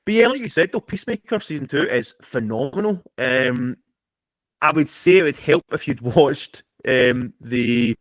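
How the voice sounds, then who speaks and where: A man's voice: mid-range voice, animated, normal speed, no echo. A man chatting casually about TV shows on a podcast, rambling and restarting his sentences, laughing as he talks. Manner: rambling, lots of restarts, laughs while talking. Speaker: podcast guest or co-host. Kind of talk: casual chat about TV and film.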